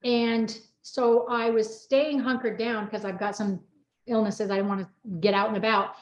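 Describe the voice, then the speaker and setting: This host, a middle-aged American woman who co-wrote a book, speaks in a fairly high, level voice at an unhurried pace. She chats casually, rambling through personal stories with quoted asides, and the recording is echoey and slightly dull.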